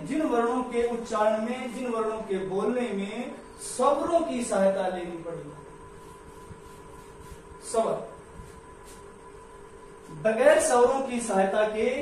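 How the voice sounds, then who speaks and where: Male grammar teacher, very high voice, slow and deliberate, repeats every definition; heavy room echo, mic far off. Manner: repeats each definition slowly, step by step. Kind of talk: slow explanatory lesson. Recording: echoey room, mic far off, faint noise.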